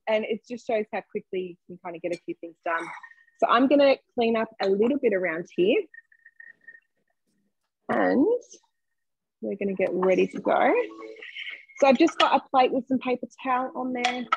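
A woman's voice: medium pitch, normal speed, long pauses, husky, no echo, muffled recording. Chatty young woman presenting a live cooking demo. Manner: upbeat, chatty presenter inviting viewers to comment. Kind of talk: live online cooking demonstration. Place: home kitchen, indoors. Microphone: webcam on a video call.

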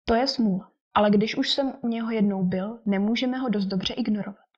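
A woman reading the lines of a dry, teasing older English gentleman and father in an audiobook. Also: mid-range voice, slightly rough, close to an everyday voice. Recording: dull lo-fi recording.

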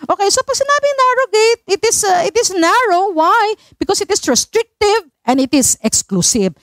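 A woman's voice: very high-pitched, sing-song, moderate pace, fairly bright tone, no echo, clean studio sound. A woman pastor with a Filipino accent preaching a sermon, switching between Tagalog and English and calling on the congregation for affirmation. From Philippines.

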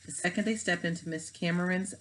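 A woman reading a children's novel aloud in a steady storytelling manner. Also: fairly low pitch, quick pace, low-quality recording. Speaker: reader.

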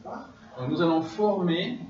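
A man's voice: high voice, animated, slow pace, loud music behind the voice. A man teaching a French class, repeating phrases and drilling his students. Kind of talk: classroom instruction. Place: classroom, large indoor room. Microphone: far camera. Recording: roomy, distant, dull camera audio with room noise.

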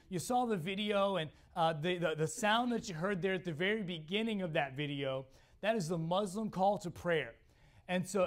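Hoarse young male missionary, high-pitched, halting delivery with frequent restarts. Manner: halting, repeats words often. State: hoarse, losing voice. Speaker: missionary speaker. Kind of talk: church missions talk.

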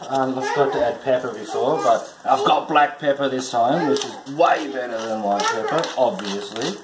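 A man in his thirties talks through a recipe in a relaxed, irreverent way, with the odd casual curse. He is picked up by a camera mic a few feet away in a small home kitchen. The room is echoey, and pots, pans and dishes clatter loudly behind him. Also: mid-range voice, normal speed, very noisy. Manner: chatty, irreverent, swears casually while working. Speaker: home cook hosting a cooking show. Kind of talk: casual cooking demonstration. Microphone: camera mic filming from a few feet away.

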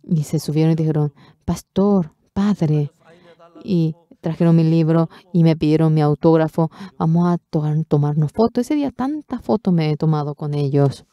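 A woman interpreting a church sermon into Spanish, delivering it emphatically and swelling loud on key words. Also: low voice, moderate pace, no echo, muffled recording.

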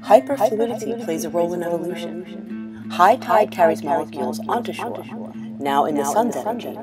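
A woman's voice: on the low side, lively intonation, moderate pace, low-quality recording. A woman giving scripted educational narration in a formal, declarative way. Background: guitar music.

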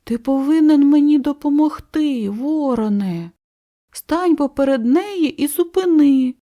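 A woman's voice: a little high, slow, exaggerated voice. A woman voicing a cheerful, dreamy female cow who is playful and curious. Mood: excited. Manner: lively, gently exclaiming.

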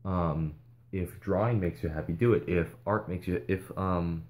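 A vlogger speaking to viewers in a casual, earnest way, hesitating often and restarting sentences. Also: male voice, sits low, moderate pace, darkish tone. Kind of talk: casual advice vlog.

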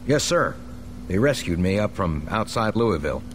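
An actor playing an eager, respectful American soldier in a video game, chatty and deferential. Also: male voice, fairly low pitch, sing-song, moderate pace, a little hiss or hum. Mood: earnest, upbeat. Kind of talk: video game cutscene acting.

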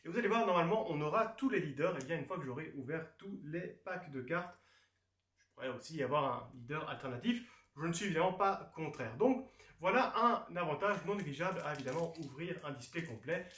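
A man's voice: on the high side, lively intonation, a little fast, fairly bright tone. Playful man unboxing cards, echoey room. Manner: playful, jokey asides. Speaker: card game channel host. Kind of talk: casual unboxing commentary.

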